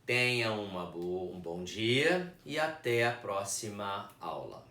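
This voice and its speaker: Slow Brazilian teacher in an echoey room. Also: male voice, lowish voice, very animated, pushed and bright, a little hiss or hum. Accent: Brazilian Portuguese. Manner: slow, deliberate, repeats words for emphasis. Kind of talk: classroom lesson explanation. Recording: echoey room, speaker far from mic.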